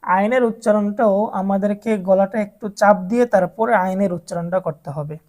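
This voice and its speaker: Brisk and mid-range, her voice carries a darkish tone. She leads adult newcomers through Quran reading in a gradual recitation lesson, patiently lengthening each letter and prompting them to say it back.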